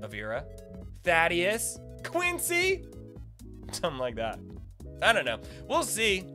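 Speaking slowly, a thirty-something man streams a game and gives slangy, playful commentary as a video game streamer and guide host. His high voice swoops wildly in pitch, with a bright, forceful tone, captured by a close boom-arm desk mic in his small indoor setup as game music plays.

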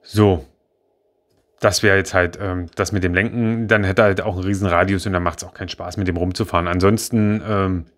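A man with a somewhat low voice talks through a brick-built car model in a loose, unscripted review. He hesitates often, fills pauses and corrects himself mid-sentence. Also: fairly even intonation, a bit bright. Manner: rambling, hesitant, many fillers and self-corrections. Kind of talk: casual spoken product review.

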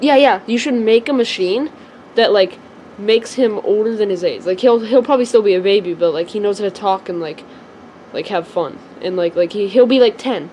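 Excitable kid big brother, rambling and fast-changing, played by a girl; mid-pitched, homemade toy movie. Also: slight background noise, lightly acted, rough recording. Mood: chatty. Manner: rambling, full of "like" and restarts.

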